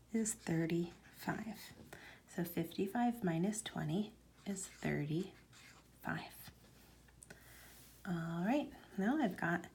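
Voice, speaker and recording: A woman math teacher talking slowly through a homework lesson, explaining each step as she writes and sometimes dropping to a near whisper. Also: on the low side, a little mellow. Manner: slow, step-by-step explaining while writing.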